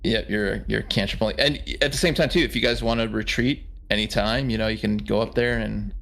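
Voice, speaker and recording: A man acting as game master for a tabletop game explains the rules in a relaxed manner, using many fillers. His voice is fairly low, gravelly, and brisk.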